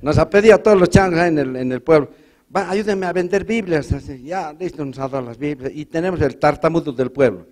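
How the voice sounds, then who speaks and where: A man's voice: on the high side, fast, hardly any pauses, a little mellow. A man from Bolivia with a Bolivian Spanish accent, performing a stand-up routine, telling folksy stories and doing a stutter and other voices for the characters. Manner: storytelling with funny voices and mock stutter. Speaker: stand-up comedian.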